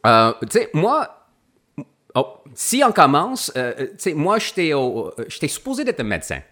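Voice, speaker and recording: A man's voice: fairly high pitch, wildly swooping pitch, moderate pace, fairly bright tone. A middle-aged English-speaking Canadian man, a guest actor, speaking French in a casual podcast interview with many fillers and restarts.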